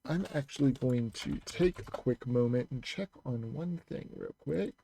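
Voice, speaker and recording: A man's voice: mid-range voice, measured pace, vocal fry, mellow. A man streaming a video game, chatting casually with viewers over a headset. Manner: chatty, talks to chat while playing. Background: game music.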